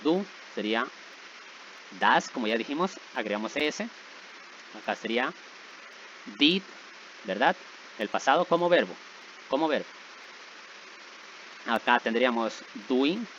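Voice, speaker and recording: A man's voice: medium pitch, animated, moderate pace, long pauses, a bit bright. A man explains grammar rules patiently in a mid-range voice, checking in with his listeners after each step. The recording sounds a little dull, with a faint hiss underneath. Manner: patient, repeats checks like "¿verdad?" and "¿sí?". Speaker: English teacher.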